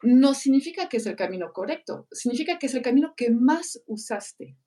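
Middle-aged lady chatting on a podcast, bit high voice, mic a little far off. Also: brisk. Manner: animated storyteller, acts out quoted voices. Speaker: teacher and speaker on learning. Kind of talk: conversational podcast chat with anecdotes.

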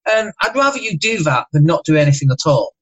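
A man's voice: a little high, very animated, slightly rough, muffled recording. Northern english guy, bit of a lisp, fired up pep talk on a podcast. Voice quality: slight lisp. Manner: emphatic, motivational, rapid asides. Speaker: podcast guest. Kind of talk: casual podcast chat.

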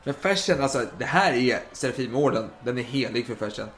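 Animated man telling history casually. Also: mid-range voice. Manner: lively, swearing, animated retelling. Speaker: podcast host.

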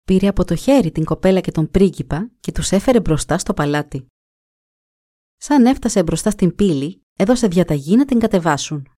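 A woman narrating a folk tale in a steady, even storytelling manner on a close mic. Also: on the low side, no echo.

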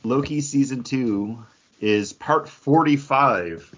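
This podcast co-host talks pop culture casually, trading jokes in easy conversation. He speaks slowly, his medium-pitched voice carrying a fairly bright tone. The recording is lo-fi and dull.

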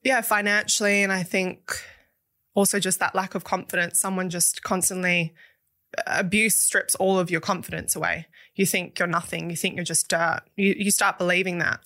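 A woman's voice: on the low side, fairly even intonation, moderate pace, bright, forceful tone, dry recording, studio quality. A young woman from Western Australia, a business founder speaking frankly and reflectively as an interview guest. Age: young adult. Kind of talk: candid interview talk.

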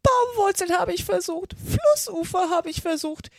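A woman voicing an outraged female pigeon guarding her eggs in a storybook reading, shrill and scolding. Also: expressive, normal speed, gravelly, no echo, clean studio sound, exaggerated voice. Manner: shrill, scolding, near-sobbing outbursts. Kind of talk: audiobook character reading.

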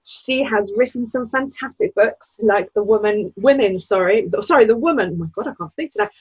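An excitable, gushing woman co-hosting a casual podcast chat, recorded on a dull microphone. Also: medium pitch, fairly quick, breathy edge. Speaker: podcast co-host.

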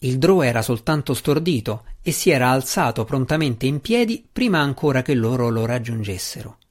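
A man narrating a fantasy audiobook in a steady, measured voice at a middle pitch. The reading is scripted and even-paced.

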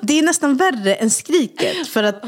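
A woman's voice: sits high, animated. A woman in her thirties co-hosting a casual podcast chat, telling anecdotes with quoted voices and plenty of laughter. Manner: chatty, laughs often, quotes others in her stories. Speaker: podcast co-host.

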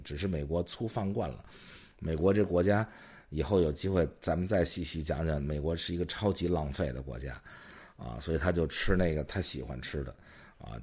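Low husky male podcast host. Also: darkish tone. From China. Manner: chatty, tells jokes and anecdotes. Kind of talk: casual storytelling chat.

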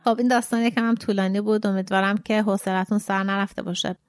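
A woman podcast host narrating a short story in a calm, measured reading. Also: medium pitch, no room sound, soft background music.

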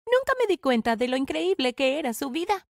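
High-voiced young woman telling her story. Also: big pitch swings, brisk, vocal fry, no echo, clean studio sound. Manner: dramatic confessional telling. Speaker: narrator. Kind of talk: first-person story narration.

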